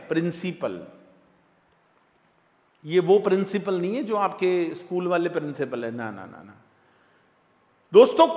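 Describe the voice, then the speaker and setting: A high-voiced man with an Indian accent teaches at an unhurried pace, repeating points and calling his students dear. His voice carries a long reverb, as if spoken in a hall. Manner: lively and repetitive, addressing students as dear. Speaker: tax lecturer. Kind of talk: classroom lecture.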